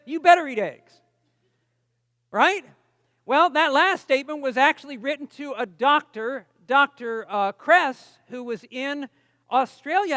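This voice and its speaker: A man's voice: very high-pitched, pushed and bright, dry recording, studio quality, in a large hall. A man preaching a sermon at a camp meeting, talking in a conversational, emphatic way and putting questions to the audience. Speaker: pastor.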